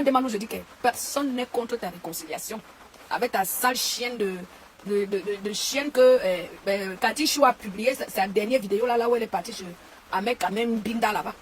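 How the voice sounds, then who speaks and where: A woman's voice: a little high, a little fast, a little hiss or hum. A woman, ranting and hurling insults in a live stream from her home, repeating herself often. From Cameroon. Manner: insulting, repetitive, heated. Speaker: online commentator. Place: home and garden.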